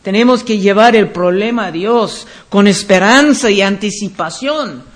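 High-voiced man preaching a sermon. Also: measured pace. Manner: reads scripture passages aloud, with slips and restarts. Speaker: pastor.

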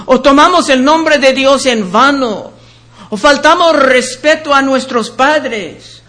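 A man's voice: extremely high pitch, pushed and bright. A man preaching a sermon in earnest, calling his listeners brothers and sisters and reading scripture verses aloud with their references.

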